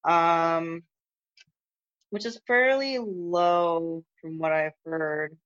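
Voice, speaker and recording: A young woman who competes in lifting chats loosely in a phone interview, her voice very slow, fairly even in intonation and fairly bright in tone. She uses lots of fillers and restarts, and her voice has lost its upper register so it's no longer high. The phone-call audio is muffled.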